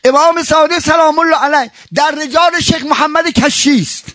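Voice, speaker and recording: A man preaching a mourning sermon, impassioned and swearing oaths, with sweeping swings from high to low and quoted Arabic phrases. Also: fairly bright tone, no echo.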